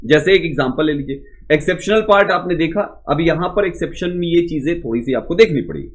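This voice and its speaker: A man teaching a grammar lesson to students, explaining step by step, reading rules out slowly and often checking whether they follow. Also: a little high, lively intonation. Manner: explains step by step, asks many check questions; reads rules out slowly and deliberately.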